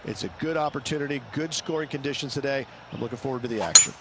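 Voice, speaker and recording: A man's voice: medium pitch, fast, noisy background, natural voice. A man giving conversational color commentary as a golf analyst in a video game. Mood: easygoing, candid.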